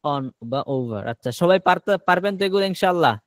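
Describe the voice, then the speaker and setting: A man from Bangladesh teaching an online spoken-English class, firing short prompts at students and repeating words slowly for them. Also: high voice, animated, no room sound.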